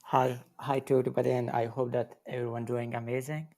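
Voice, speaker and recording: A young man from Afghanistan, a community member and recent civil engineering graduate, chats casually in an online audio room, speaking hesitantly with simple phrasing. His voice is medium-pitched and mellow, with a level tone and a quick pace.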